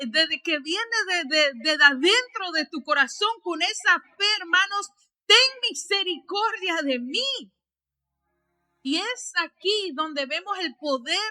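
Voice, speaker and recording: High-pitched and bright, this woman pastor's sermon in church is full of energy. She alternates between shouting and soft asides, often checking in with the congregation through tag questions.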